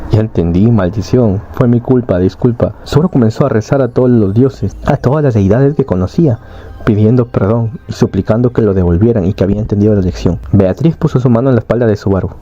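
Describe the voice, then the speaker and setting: A man's voice: fairly low pitch, fast talker, mellow, lo-fi sound. A man casually retelling an anime story, rambling along with fillers and tag questions. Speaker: anime recap narrator.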